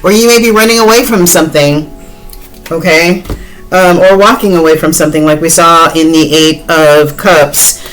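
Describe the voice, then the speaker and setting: A woman's voice: deep voice, normal speed, soft background music, poor audio. A woman, chatting directly to viewers in a casual tarot reading, with many fillers. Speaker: tarot reader.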